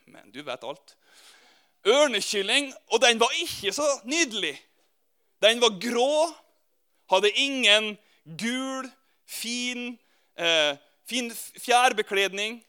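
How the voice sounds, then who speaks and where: A male preacher from Norway telling a parable within his sermon and turning to his listeners with questions. His voice is high and bright, with a smooth, clear ring. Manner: lively, speaks directly to listeners. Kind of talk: sermon with storytelling.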